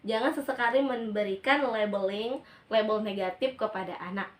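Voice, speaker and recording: A woman's voice: mid-range voice, normal speed. A woman hosting a parenting talk who speaks directly to mothers and poses rhetorical questions before answering them. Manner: addresses listeners directly as mothers. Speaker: parenting educator and channel host. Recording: echoey room, mic at a distance.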